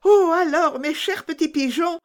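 A timid little girl pleads in a high, fretful voice, as a woman acts her out. Her questions come anxious and gentle, with a lively lilt fit for a storybook. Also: moderate pace. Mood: pleading anxious.

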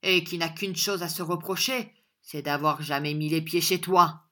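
A woman's voice: fairly low pitch, fairly even intonation, normal speed, lightly acted. A woman voicing a bluff, hot-tempered honest country man who blusters and defies his opponent in a storybook reading. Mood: defiant. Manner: loud, blustering and defiant.

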